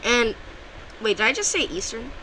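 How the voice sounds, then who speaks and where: This woman's expressive, somewhat high voice has a sharp tone and a moderate pace, heard on poor audio over slight background noise. She loosely narrates an alternate-history map video off the cuff, frequently backing up to restart or correct herself.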